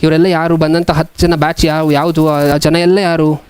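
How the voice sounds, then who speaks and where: A man preaching a sermon as a pastor, asking the congregation many questions and reading scripture slowly. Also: on the high side, flat delivery, a little mellow, clear, resonant tone.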